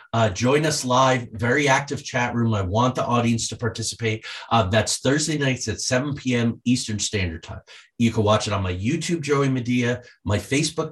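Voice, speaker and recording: A man being interviewed as a guest author, talking in a lively, storytelling way and acting out the voices of people he quotes. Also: medium pitch.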